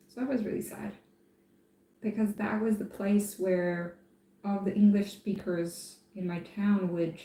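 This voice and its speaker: Woman from france chatting on stream, lots of ums, mellow voice, echoey room. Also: mid-range voice. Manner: hesitant, thinking aloud with many fillers. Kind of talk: casual live-stream chat.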